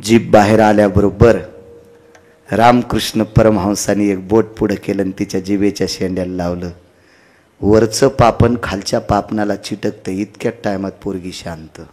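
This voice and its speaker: A man with a Marathi accent preaching a devotional kirtan sermon, telling stories and breaking into sudden high shouted lines and sung refrains. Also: flat delivery, moderate pace.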